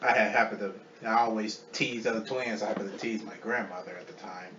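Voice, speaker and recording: A man co-hosting a casual chat, telling family stories in an excitable, laughing manner. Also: on the low side, brisk. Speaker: co-host. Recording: distant, roomy, lo-fi with faint background hum.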